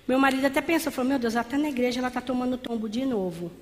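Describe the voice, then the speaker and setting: A woman's voice: high voice, rapid-fire. A woman giving a fervent sermon-style testimony in church, calling her listeners beloved. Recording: long hall reverb.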